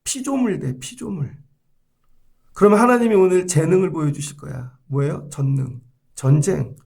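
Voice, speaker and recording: High, gravelly-voiced man preaching. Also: normal speed. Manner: lively preaching, acts out quoted voices, jumps between loud and hushed. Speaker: pastor. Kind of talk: dawn service sermon. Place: church sanctuary.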